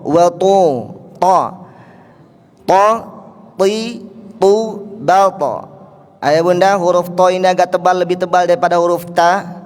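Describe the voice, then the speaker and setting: A man teaching Quran recitation to a congregation, coaxing listeners to repeat and breaking into slow, drawn-out chanted verses between his explanations. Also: high voice, a little mellow, clean tone. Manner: coaxes listeners to repeat, counting them in. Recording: long hall reverb with faint music.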